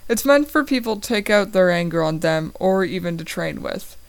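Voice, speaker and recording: A woman reads a first-person story aloud in a low, even voice. Her delivery is plain and slightly halting, with small stumbles and restarts along the way. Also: creaky. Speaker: reader of a story.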